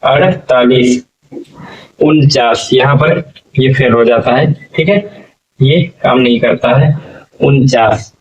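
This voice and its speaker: A man's voice: medium pitch, recorded from a distance, rough recording. A male teacher giving a patient lesson, stretching out syllables and often checking in with his listeners. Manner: patient, drawn-out syllables, frequent "okay?" checks. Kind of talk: classroom lesson.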